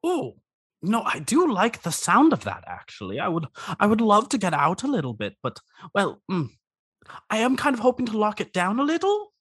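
Tabletop game creature: man playing a vain, lonely giant crab, coy and grandly theatrical, very animated pitch, dry close sound. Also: moderate pace, slightly rough, no room sound, full character voice. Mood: coy, eager. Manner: theatrical, coy, self-flattering. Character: huge vain lonely one-eyed crab warrior, campy and wistful.

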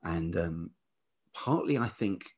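Low, slow, and a little mellow with a breathy edge and lively intonation, the velvety voice belongs to a middle-aged English writer and musician. As a podcast guest he reflects hesitantly, repeating words while searching for what to say.

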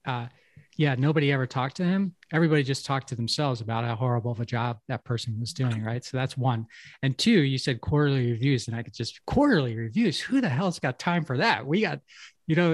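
Brief: reflective male co-host, mid-range voice, dry studio sound, measured musings. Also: mid-range voice, no echo. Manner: reflective, thinks aloud with restarts and fillers. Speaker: podcast co-host. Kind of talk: casual conversational chat.

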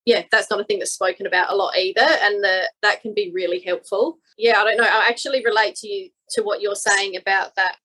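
A woman's voice: mid-range voice, fairly even intonation, fairly quick, few pauses, bright, forceful tone, husky, poor audio. A woman podcast host talking personally and a bit hesitantly in a podcast conversation.

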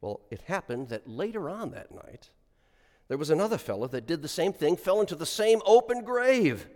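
A middle-aged or older man, a clergyman reading scripture and preaching in a measured, emphatic way, with deliberate pauses. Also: fairly high pitch, sing-song, darkish tone. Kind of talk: liturgical reading and sermon. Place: large church, speaking to a congregation. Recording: long echoing reverb of a large church.

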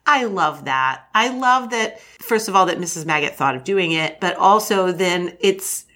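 A woman's voice: fairly low pitch, animated, measured pace, pushed and bright. A woman co-hosting a podcast, chatting casually and enthusiastically about a book, laughing often. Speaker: podcast co-host.

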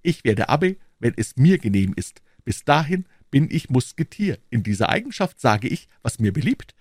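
A man's voice: medium pitch, sing-song, normal speed, darkish tone, husky, dry recording, clean studio sound, pitched above the performer's own voice. A man reading an audiobook, voicing a sly, witty young male musketeer in a raised, mocking tone. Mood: cutting.

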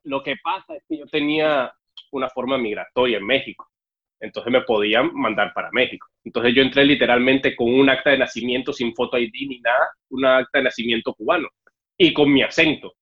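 Brisk and husky, with a medium pitch, this Cuban-born young man recounts his story in a relaxed interview, raising his voice to act out the dialogue. His accent is Mexican Spanish, and the recording is dull and muffled.

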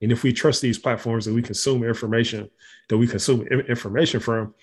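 A man's voice: medium pitch, steady tone, a little fast, husky. A man co-hosting a podcast, talking in a loose, rambling way with many restarts. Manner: rambling, frequent restarts and fillers. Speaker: podcast co-host. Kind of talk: casual conversation.

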